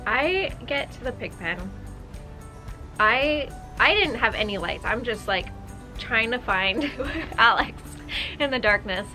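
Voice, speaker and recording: A young woman casually telling a homestead story in a lively, teasing way, laughing now and then. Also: a little high, slow pace, faint music behind. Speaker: homestead vlogger.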